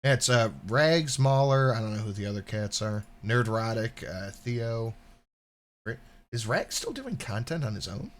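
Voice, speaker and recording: A man with an average-pitched voice and highly animated intonation. He chats casually as a stream co-host, joking, swearing and needling as he reacts. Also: moderate pace. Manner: joking, profane, teasing. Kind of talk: casual banter reacting to a video and chat.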